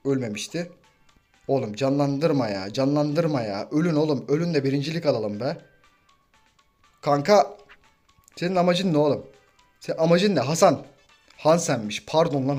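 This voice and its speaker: A young man giving casual, excitable commentary over his own gameplay and teasing his teammates as he plays. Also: medium pitch. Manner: excitable, banters and trash-talks teammates. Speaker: gaming YouTuber.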